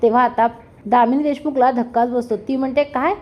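A woman with a high voice retells a TV serial's plot in a casual, chatty way. She drops into each character's quoted lines as she narrates. The audio is dull and lo-fi. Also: steady tone, a little fast. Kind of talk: casual storytelling recap.

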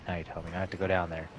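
A man's voice: low voice, slight background noise. A man chatting and joking with friends during a co-op shooter game, laughing often. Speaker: gamer. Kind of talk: casual co-op gaming chat.

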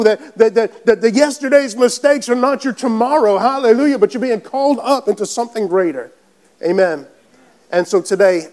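A man preaching a sermon as pastor, emphatic, slowing to stress key phrases and adding hallelujahs and amens. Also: very high-pitched.

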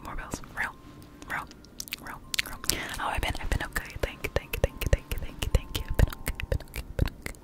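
A young woman in her late teens whispering close to a studio mic in her bedroom, reading chat messages aloud and answering them in whispered live-stream chat. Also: fast. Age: young adult. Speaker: ASMR streamer. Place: bedroom with plush toys, indoors. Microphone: studio mic close in front.

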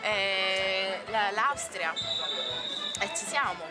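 Young woman chatting over loud music. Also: mid-range voice, lively intonation, extremely slow. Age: young adult. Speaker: quiz contestant. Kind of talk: casual chat. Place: outdoors by a sports court. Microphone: handheld camera nearby. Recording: loud music and crowd noise.

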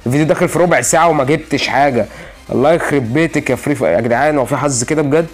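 A man's voice: fairly high pitch, racing. A young man with an Egyptian Arabic accent giving gaming commentary, exasperated, repeating himself and pleading with the game as he opens loot boxes. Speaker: gaming channel host.

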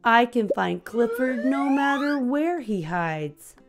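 An American woman in her thirties hosts a children's read-aloud, telling a storybook to young kids expressively and with clear pacing. Her voice is on the high side and slow, heard over music.

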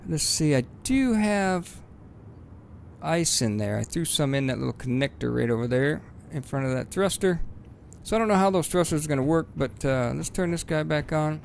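A man giving rambling, casual let's-play commentary on his game, swearing freely and breaking into excited bursts. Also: on the high side, moderate pace, gravelly, a little hiss or hum. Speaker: gaming video host.

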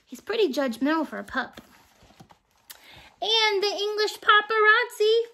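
A woman reading a children's picture book aloud, expressive and animated, with asides to her young listeners. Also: very high voice, a little slow. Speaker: storybook reader. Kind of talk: children's storybook read-aloud.

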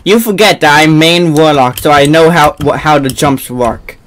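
A woman's voice: deep voice, normal speed. A woman gamer chatting casually while playing, teasing and giggly. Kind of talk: casual chat while gaming.

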